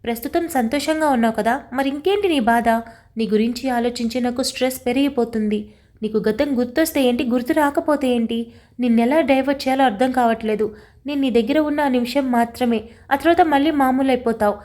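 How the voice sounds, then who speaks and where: A woman's voice: a little high, fast talker, a little mellow, lightly acted. A woman voicing a tearful, pleading young woman.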